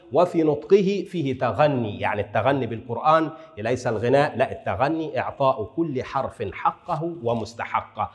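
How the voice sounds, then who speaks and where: This Arabic language lecturer speaks in a mid-range voice, teaching grammar as in a classroom while long reverb fills the echoey hall around him. His approach is explanatory, with slowly recited poetry and formal Arabic broken up by Egyptian colloquial remarks.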